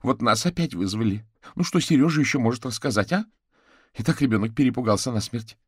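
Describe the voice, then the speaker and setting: A man's voice: mid-range voice, lively intonation, a little fast, husky, no room sound, studio quality, voice pushed up. A man voicing an anxious mother who talks in a raised, worried voice. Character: anxious mother, wary and hurried.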